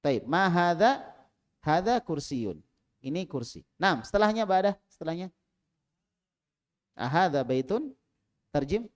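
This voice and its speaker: A man teaching an Arabic class in a small prayer room, calling on students and drilling them, with loud prompts and quiet asides. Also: on the high side, sing-song, unhurried, long pauses.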